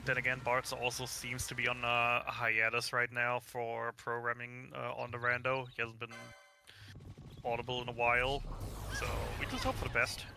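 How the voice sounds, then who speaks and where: A man's voice: mid-range voice, monotone, normal speed, pushed and bright, a little hiss or hum. A man with a cold, giving casual commentary on a live gaming stream as a guest over a voice call. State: has a cold. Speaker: guest commentator, game expert. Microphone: voice call over Discord.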